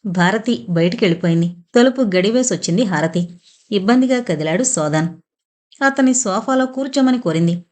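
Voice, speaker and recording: A woman narrating a romantic audio novel in a steady, lyrical storytelling manner. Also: fairly high pitch.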